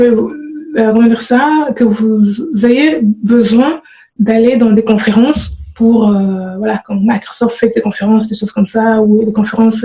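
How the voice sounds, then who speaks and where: A woman giving casual advice about programming to her viewers, often pausing with fillers and restarting her sentences. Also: fairly high pitch, warm tone, reverberant, rough recording. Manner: hesitant, many fillers and restarts. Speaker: programming vlogger.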